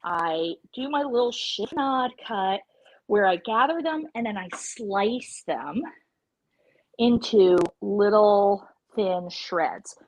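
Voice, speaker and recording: A woman's voice: medium pitch, expressive, slow pace, poor audio. A woman chef teaching a live virtual cooking class over a video call, chatty and playful in her instructions.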